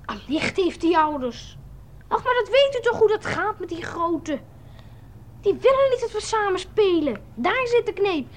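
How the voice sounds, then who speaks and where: A woman's voice: very high-pitched, big pitch swings, unhurried, exaggerated voice. A woman voicing a lonely small child who talks to a grown-up in a radio play, earnest and insistent.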